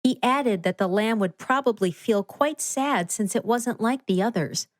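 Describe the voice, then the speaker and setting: A woman narrating a scripted children's story in an expressive read-aloud manner. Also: fairly high pitch, a little slow, dry recording, clean studio sound.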